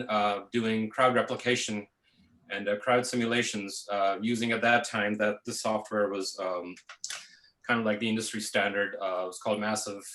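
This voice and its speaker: A man in his thirties from Pakistan talks through his career in a relaxed, chatty way, filling pauses with "uh" and "you know." His voice is bright and forward. It sounds echoey, as if recorded in an open room over a video call. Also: fairly low pitch. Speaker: guest, visual effects artist. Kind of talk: casual interview answers.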